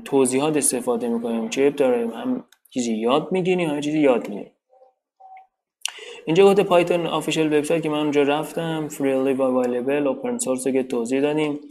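A man's voice: a little high, a little mellow. A man giving an informal spoken programming lesson, explaining step by step, often restarting and repeating himself. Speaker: programming teacher.

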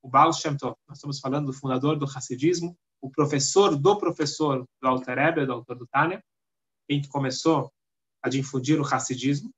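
A man's voice: mid-range voice, fairly even intonation, a bit bright. Emphatic Brazilian man teaching Torah. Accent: Brazilian Portuguese. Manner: emphatic storyteller, frequent restarts and pauses. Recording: dull lo-fi recording.

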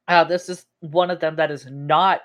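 A woman's voice: deep voice, normal speed. A woman running a tabletop game as game master, narrating and laughing often. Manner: laughs often, animated and loose.

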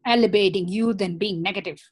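Interview guest, woman, mid-pitched and reflective. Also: a little fast, husky, no echo. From Africa. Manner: earnest, reflective, many "you know" fillers. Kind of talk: conversational interview.

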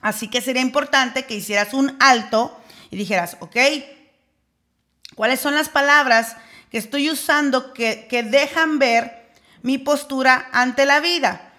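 A woman's voice: high-pitched, measured pace, sharp tone. A woman coach giving a motivational talk, emphatic and full of rhetorical questions.

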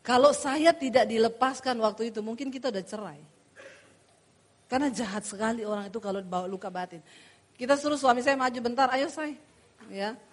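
Brief: female pastor, raspy, a little high, lively testimony. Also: a little fast. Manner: lively, animated preaching, addresses the crowd. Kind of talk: sermon testimony.

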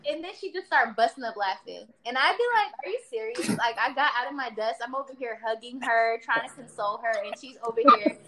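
Animated high-voiced woman telling stories. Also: brisk, hardly any pauses, crowd noise, poor audio. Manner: animated storyteller, acts out quotes. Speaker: former supervisor. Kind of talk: casual chat.

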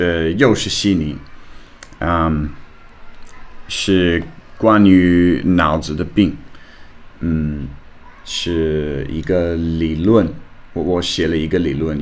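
Hosting a podcast, a deep-voiced man from Australia talks casually about himself in Mandarin, which is not his native language. He speaks slowly with a foreign accent, hesitating as he hunts for words and sticking to simple, learner-level phrasing.

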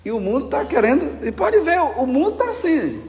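Animated high-voiced Brazilian preacher. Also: male voice, normal speed, echoey room, in a large hall. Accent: Brazilian Portuguese. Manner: animated, acts out dialogues with rhetorical questions. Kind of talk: sermon.

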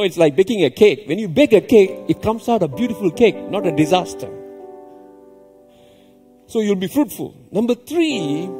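A pastor giving an animated sermon, repeating key phrases with emphatic rises and chuckling between points. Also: male voice, high-pitched. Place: church hall. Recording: long reverb in a large hall.

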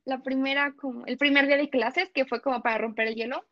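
Mexican girl in her 20s chatting, high voice, lively stories, kinda muffled dry audio. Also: fast, no room sound. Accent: Mexican Spanish. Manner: animated storytelling, acts out dialogue, laughs often. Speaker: guest. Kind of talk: casual interview chat.

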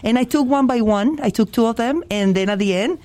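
A middle-aged woman from Venezuela, a chef, telling her story in a casual interview over a video call, animated and often repeating words. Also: on the high side, a little fast. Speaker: chef and food brand founder.

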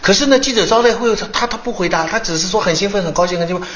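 A man commenting on a studio talk show, retelling stories in an expressive, animated way. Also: sits high, rapid-fire, reverberant, lo-fi sound.

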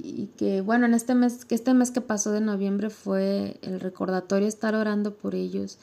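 Young woman, church leader, informal devotional talk, warm mellow tone, repeats phrases. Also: mid-range voice. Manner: conversational, repeats phrases for emphasis.

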